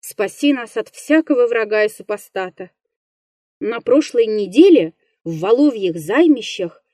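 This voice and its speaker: A woman's voice: mid-range voice, warm tone, dry recording, clean studio sound. A woman voicing a frightened, pious old male forester who pleads in a plaintive, wailing way.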